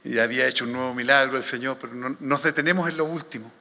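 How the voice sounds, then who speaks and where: A man preaching a conference sermon, swinging between loud fervent pleading and hushed, tender scripture reading. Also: medium pitch, quick pace, creaky. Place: conference hall. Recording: long hall reverb.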